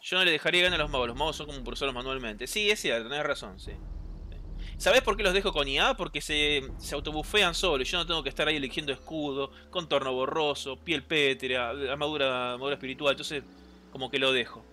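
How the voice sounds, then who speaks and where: A man with a Rioplatense Spanish accent giving chatty, excitable gameplay commentary, reading game lines aloud and answering chat. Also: fairly high pitch, quick pace, a little hiss or hum. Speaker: gameplay streamer.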